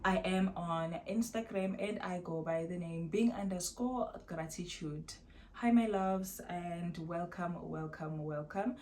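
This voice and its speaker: A woman's voice: lowish voice, steady tone, measured pace, darkish tone, slight background noise, poor audio. A South African woman in her thirties chatting casually to her viewers at home, laid-back and rambling, mixing in Zulu phrases. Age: 30s. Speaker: vlogger. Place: at home, indoors.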